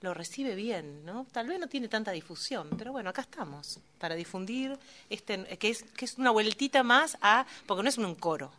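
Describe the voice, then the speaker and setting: Guest singer, woman, mid pitch, talks at length. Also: expressive, moderate pace, fairly bright tone. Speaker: singer in a vocal group. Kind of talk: interview answers.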